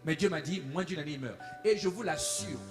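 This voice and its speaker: A man preaching a sermon as a pastor, telling a story, swinging between hushed asides and shouted declarations. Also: fairly high pitch, a little fast. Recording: echoey room with faint music.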